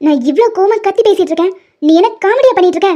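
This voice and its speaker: Woman voicing a high, scolding young cartoon mother. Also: lively intonation, racing, dark tone. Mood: angry. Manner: scolding, exasperated. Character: angry young mother rejecting the man who wronged her. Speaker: female lead. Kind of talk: animated love-story dubbing. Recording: dull lo-fi audio with faint music.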